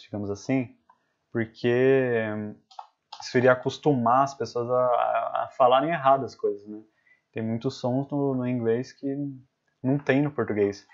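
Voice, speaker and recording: A man teaches in a casual live stream at an average pitch. He talks loosely, circles back over words and tags lines with quick checks for agreement. The audio is a bit dull and lo-fi. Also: a little mellow. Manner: casual, repeats words and adds "né?" often. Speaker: English teacher.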